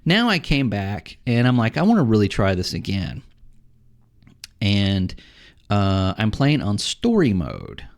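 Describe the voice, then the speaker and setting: A middle-aged man co-hosting a podcast, telling rambling, animated stories about the games he plays and acting out the other players. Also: fairly low pitch, unhurried. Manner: rambling, animated storytelling with acted-out quotes. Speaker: podcast co-host. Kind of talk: casual chat about video games.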